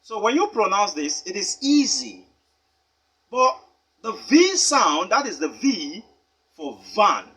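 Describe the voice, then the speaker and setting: A man teaching pronunciation, with a high, husky voice. His pitch swings widely as he stresses each point. He talks deliberately and spells words out letter by letter. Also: very animated, bright, forceful tone. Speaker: English teacher. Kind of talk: pronunciation lesson.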